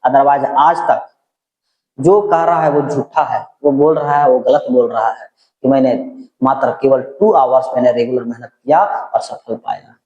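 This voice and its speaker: A man's voice: medium pitch, normal speed, echoey room, highs cut off. A middle-aged male teacher giving a chemistry lecture, talking casually and keeping his voice down at night. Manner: casual, keeps checking in with "ठीक है"; speaking softly, holding his voice down. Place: room at night.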